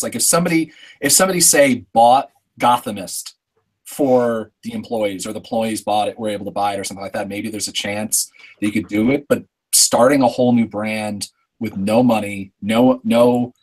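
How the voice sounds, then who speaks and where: Low-pitched, conversational male journalist. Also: normal speed, husky, low-quality recording. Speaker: journalist, podcast panelist. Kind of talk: casual panel discussion.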